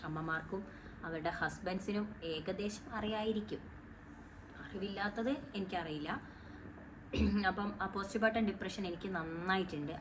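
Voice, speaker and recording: A woman chatting casually to her viewers while she cooks at home for her vlog. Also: on the low side. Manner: chatty, talks straight to viewers as "guys". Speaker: home vlogger. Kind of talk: casual cooking and daily-life vlog. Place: home kitchen. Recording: echoey room, distant mic, background noise.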